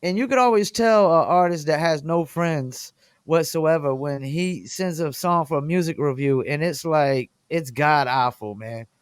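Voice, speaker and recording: A man hosting a podcast interview, talking in a casual, animated, slangy way. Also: on the high side, unhurried, clear, resonant tone, no echo. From North Carolina, USA. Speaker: podcast host.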